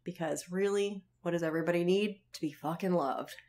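A woman's voice: fairly low pitch, fairly quick. Chatty woman podcaster, laughing often. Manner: animated, laughs often, lively retelling. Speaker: podcast co-host. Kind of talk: casual chat recapping a TV episode.

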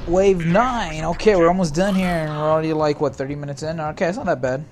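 A man giving live, excitable commentary over a video game, often shouting and swearing. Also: a little high, fast talker. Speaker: gameplay commentator.

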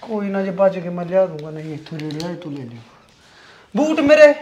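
A jealous, hot-headed young man, played by an actor who pushes and demands without letting up. His voice sits high and the words tumble out fast. Pushy and swearing, he is a short film figure. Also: animated, darkish tone, dull audio. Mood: grumbling. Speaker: son and temp worker.

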